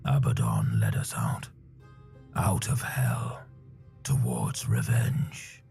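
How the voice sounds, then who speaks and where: A man voicing a wounded, weary warrior who talks low, growled and half-whispered. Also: fairly even intonation, takes it slowly, vocal fry, darkish tone, soft background music, exaggerated voice. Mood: grim, recalling. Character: wounded, weary male warrior, grim and bitter.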